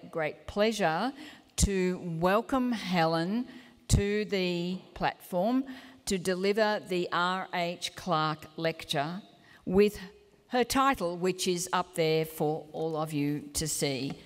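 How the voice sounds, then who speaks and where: A woman chairing a session, formally introducing the next lecturer in a large lecture hall. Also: on the low side. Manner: formal, deliberate, slows on welcome. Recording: long hall reverb.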